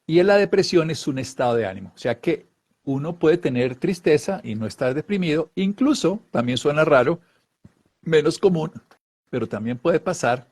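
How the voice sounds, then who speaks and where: A man's voice: on the high side, animated, moderate pace, darkish tone. Man explaining emotions in a lesson. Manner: acts out little voiced examples, sometimes laughing. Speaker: wellness speaker.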